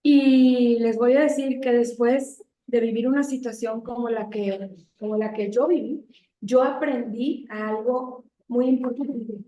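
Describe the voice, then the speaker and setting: A woman's voice: on the high side, fairly even intonation, unhurried, mellow. Impassioned woman preaching, echoey. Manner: impassioned, pleading, with many rhetorical questions. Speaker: lay preacher. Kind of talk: religious testimony talk. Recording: echoey room.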